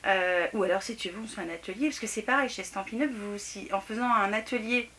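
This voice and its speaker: A middle-aged woman rambles warmly through a craft haul at home, bright and forward in tone, full of hesitations and self-mocking laughs. A faint hiss sits under her voice from a home camera mic. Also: mid-range voice, fast talker. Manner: chatty, laughing, self-mocking, lots of fillers. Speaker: craft vlogger. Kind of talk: casual haul chat to camera. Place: home room near a table.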